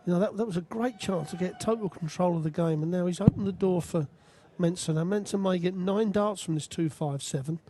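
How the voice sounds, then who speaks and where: A man's voice: sits high, fairly quick, few pauses, very noisy. A man giving conversational, analytical live darts commentary as a co-commentator. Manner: analytical, addresses his co-commentator.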